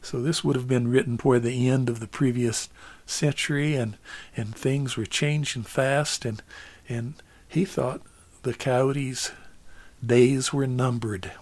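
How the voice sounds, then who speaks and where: A man telling a story in an unhurried, easygoing way, often repeating words as he gathers his thoughts. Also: medium pitch, fairly even intonation, a little mellow. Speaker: storyteller and singer.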